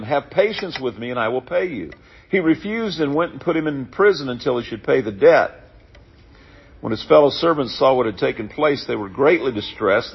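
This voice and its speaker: A man preaching a sermon in church, reading scripture and adding relaxed, conversational asides about everyday life. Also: mid-range voice, slightly rough, highs cut off.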